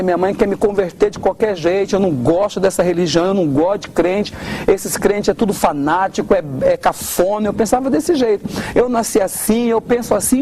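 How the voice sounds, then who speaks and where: There's a little hiss or hum on this recording of a high-voiced man with a Brazilian Portuguese accent. In an interview, he gives a heartfelt, expressive testimony, imitating the voices of those he quotes.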